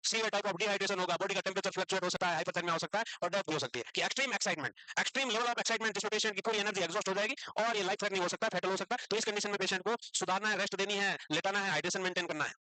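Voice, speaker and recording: Fast, bright-voiced male lecturer. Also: high-pitched, no room sound. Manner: brisk and scolding, calls students "beta"; mixes English medical terms into Hindi. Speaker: psychiatry teacher. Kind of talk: classroom lecture.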